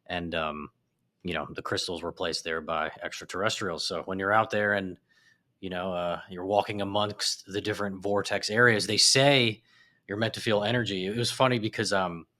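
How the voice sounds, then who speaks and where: A podcast guest with a deep voice that has a bright, forceful edge chats casually at a moderate pace. He comes across lively and enthusiastic, throwing in animated asides, and his tone stays bright throughout.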